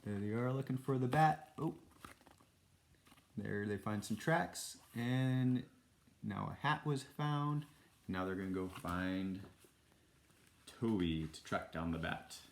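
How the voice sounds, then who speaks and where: Male storybook reader, lowish voice, casual asides, echoey room. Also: slow pace, gravelly, long pauses, slight background noise. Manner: casual, self-deprecating asides. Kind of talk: reading a children's book aloud with casual asides.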